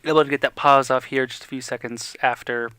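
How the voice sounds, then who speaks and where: Hiccuping young esports caster, bright voice. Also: male voice, medium pitch, smooth, dry recording. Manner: rapid excited play-by-play that rises in fights. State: has the hiccups. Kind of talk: live esports commentary.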